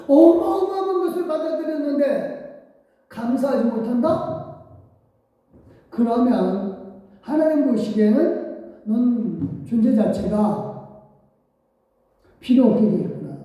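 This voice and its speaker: A woman pastor giving an animated sermon in a church, acting out the voices of the people in the scripture as she preaches. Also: high voice, slow pace, pauses often. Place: church sanctuary. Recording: echoey hall, voice from far off.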